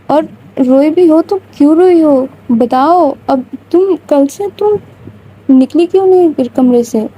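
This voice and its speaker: A woman voicing a worried young woman questioning her friend in anxious rapid questions. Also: high voice, dark tone, voice pushed up, close to an everyday voice, rough recording.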